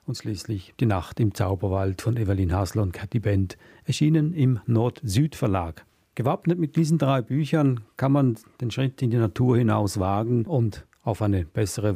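A man hosts a book podcast and talks through the close of the episode, earnest and a little hesitant. His low voice is husky and gravelly, recorded dry and close. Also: warm tone, no echo. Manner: thoughtful, earnest, with some hesitations. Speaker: podcast host. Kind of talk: book review podcast chat.

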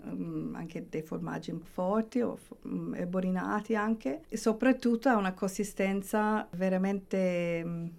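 A woman speaking as an interview guest, often pausing to search for words and correct herself. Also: medium pitch, creaky, a little mellow. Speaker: interview guest, cookbook author. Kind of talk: casual radio interview.

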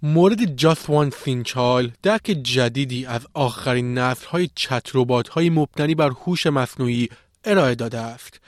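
A man's voice: medium pitch, no room sound. A man presenting technology news in a scripted reading style, close to the microphone.

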